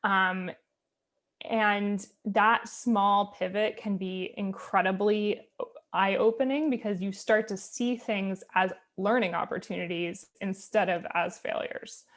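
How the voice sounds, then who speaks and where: Woman giving a relaxed design-thinking talk. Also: medium pitch, slow pace. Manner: relaxed, thinks aloud with fillers and tag questions. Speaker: guest speaker on design thinking. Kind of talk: conversational talk.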